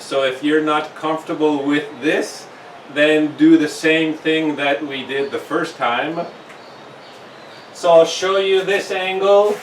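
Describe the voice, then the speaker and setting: A man's voice: a little high, a little hiss or hum. A man working as a fitness instructor, slightly winded, explaining a workout step by step. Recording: echoey room, mic far off.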